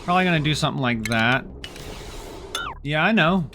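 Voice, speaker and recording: This gameplay streamer sounds animated, with a voice on the high side and a moderate pace, against a noisy background. He comments on his own play in a sarcastic, fed-up way, muttering complaints at the characters.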